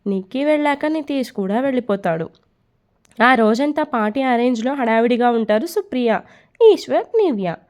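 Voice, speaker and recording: A woman narrating a romance serial in a steady storybook reading. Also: fairly high pitch, moderate pace.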